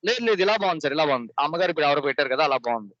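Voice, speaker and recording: A man on a phone video call, giving short, repeated instructions on where to place the camera and whether the voice is clear. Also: a little high, expressive, racing, a bit bright. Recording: dull lo-fi call audio.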